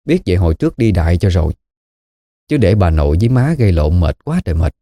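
A man with a Southern Vietnamese accent telling a spooky story in a relaxed, folksy way. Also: low voice, fast, no echo, clean studio sound. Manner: relaxed folksy storytelling with lively rises and falls.

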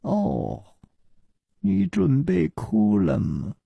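A male storyteller playing a witty, mocking swordsman hero who teases slowly and jumps up in pitch when surprised. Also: wildly swooping pitch, gravelly, breathy edge, no room sound, lo-fi sound, full character voice. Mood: teasing. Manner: teasing and drawn out, with sudden surprised jumps in pitch.

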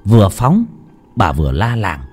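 A man narrating a ghost story with dramatic, lively storytelling. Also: low-pitched, unhurried, breathy edge. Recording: music under the voice.

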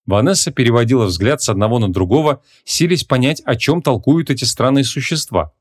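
A man narrating a humorous fantasy audiobook in an expressive, lively storytelling manner. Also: mid-range voice, brisk. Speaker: audiobook reader. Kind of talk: scripted narration.

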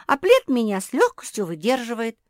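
A woman voicing an excitable young female dog who talks loudly and emotionally. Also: a little high, fairly quick, no echo, clean studio sound, pitched above the performer's own voice. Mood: excited.

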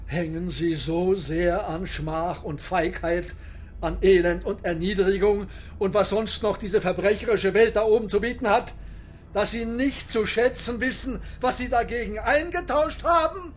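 An actor playing a proud, embittered submarine captain in a radio drama, speaking in a deliberate, formal and solemn way. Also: male voice, high voice. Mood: bitter, lofty. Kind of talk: German radio drama acting.

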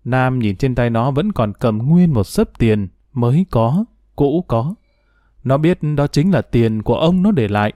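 A man narrating a dramatic audio story with expressive, emotional delivery. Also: medium pitch, unhurried, no room sound, clean studio sound.

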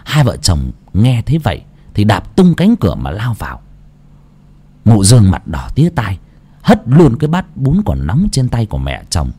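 A man's voice: lowish voice, normal speed, husky. A man narrating a Vietnamese ghost story in a dramatic, scripted storytelling manner. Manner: lively, dramatic.

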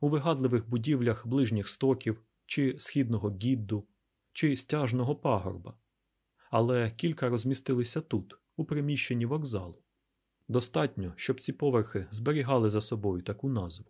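A man narrates an audiobook in a steady, even manner. His voice is husky and sits at a middle pitch. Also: normal speed. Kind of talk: scripted narration.

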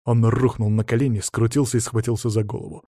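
A man narrating a first-person audiobook with expressive storytelling. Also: lowish voice, fast, dry recording, clean studio sound.

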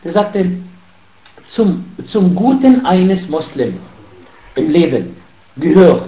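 Emphatic high-voiced male preacher in an echoey room. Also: big pitch swings, slow pace, warm tone. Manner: emphatic, rises sharply in pitch when stressing a point. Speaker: preacher teaching hadith. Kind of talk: sermon lesson switching between Arabic reading and German explanation. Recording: echoey, dull room recording.

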